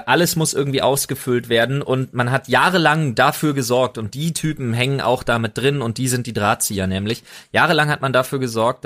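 A young man on a podcast, ranting deadpan in mock earnest about wild conspiracies in casual chat. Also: mid-range voice. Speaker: podcast host.

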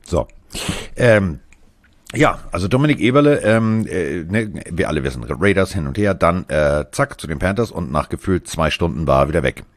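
A man's voice: low voice, animated, moderate pace, no room sound. A man co-hosting a casual podcast from a hospital room; his speech is slurred after facial surgery and he struggles with F sounds, joking about himself. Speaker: podcast co-host. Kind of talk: casual chat.

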